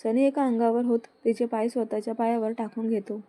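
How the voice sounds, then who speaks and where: A woman reading a romance story aloud in a plain, steady way. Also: a little high, a little fast.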